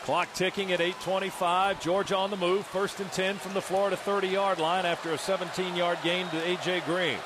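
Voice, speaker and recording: A man's voice: high-pitched, little pitch movement, fairly quick, few pauses. An American man doing live radio play-by-play of football, giving touchdown calls in a clipped running description of each play. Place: open stadium broadcast booth. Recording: loud stadium noise behind broadcast voice. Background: loud stadium ambience.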